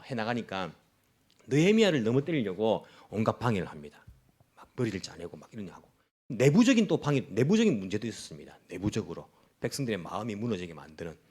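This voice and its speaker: A middle-aged man, a pastor, preaching a Sunday sermon in a church, acting out mocking voices as he explains. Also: on the low side. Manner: animated preaching, acts out mocking voices of opponents. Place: church in Tokyo.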